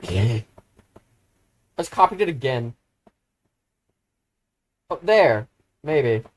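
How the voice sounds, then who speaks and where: A streamer talks through a co-op game in loose, rambling chatter, full of fillers and restarts. They often poke fun at their own fumbling and burst into loud, excited exclamations. The voice sits at an ordinary middle pitch. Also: drawn-out words. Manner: rambling, filler-heavy, self-deprecating. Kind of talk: casual live-stream gaming chatter.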